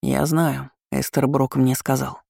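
A woman voicing an intense, protective young man in an audiobook, speaking lower and slower than her narration. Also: little pitch movement, vocal fry, a little mellow, no room sound, studio quality. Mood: earnest.

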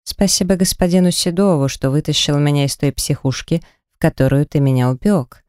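A woman's voice: deep voice, brisk, mellow, smooth, no room sound, studio quality, lightly acted. A woman voicing a spiteful young man in an audiobook, sneering at his brother.

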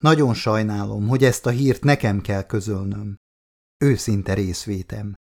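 Formal, measured police officer breaking hard news, read by a male narrator. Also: fairly low pitch, steady tone, a little mellow, lightly acted. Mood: solemn. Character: middle-aged male police lieutenant colonel, formal and solemn. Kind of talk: audiobook character voice.

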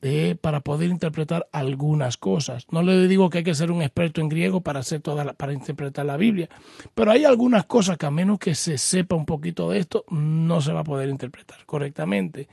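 Male pastor-host, patient teacher type, high-ish husky gravelly voice, dry close sound. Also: fairly quick, dark tone, no echo. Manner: patient, explanatory, teaches with homely examples; addresses the caller formally as brother. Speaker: pastor hosting a call-in program. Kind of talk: radio call-in Bible questions and answers.

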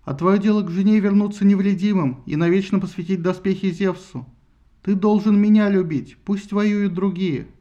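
A passionate young wife pleads with and reproaches her husband, voiced by a man reading the story. The voice is pushed high and emotional. The storybook recording sounds muffled. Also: moderate pace, warm tone, close to an everyday voice. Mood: pleading.

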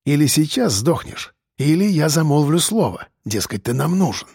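A man's voice: on the high side, big pitch swings, moderate pace, vocal fry, a little mellow, slightly rough, dry recording, clean studio sound, exaggerated voice. A man voicing a scheming, streetwise male convict who talks in slang and presses with questions. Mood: cocky.

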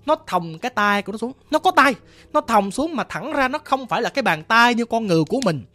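A woman's voice: a little high, expressive, fast talker, sharp tone. A woman telling a first-person ghost story in a chatty way, speaking directly to her listeners.

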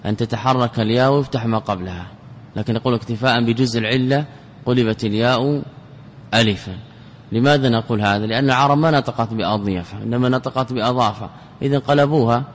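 A man teaches a classical grammar lesson in the measured manner of a sheikh, repeating key words and answering his own questions. His voice carries a long reverb, as if recorded in a large hall. A faint rumble sits underneath. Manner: repeats and restarts words while explaining.

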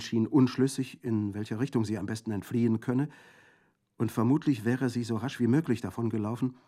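Man reading a classic novel aloud, low mellow voice, calm and measured. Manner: measured, even storytelling. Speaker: narrator. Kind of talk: scripted audiobook narration.

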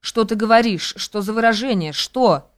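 A woman puts on a young woman with a sarcastic tongue who snaps at her companion. The voice is clear and smooth. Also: fairly high pitch, normal speed, lightly acted. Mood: scolding.

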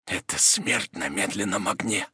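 A man voicing a gravely ill, cunning Jesuit who speaks weakly, slowly and with quiet irony, half in a whisper. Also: low-pitched, dry recording, clean studio sound, exaggerated voice. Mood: suffering. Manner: weak, halting, ironic, half-whispered. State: feverish and exhausted.

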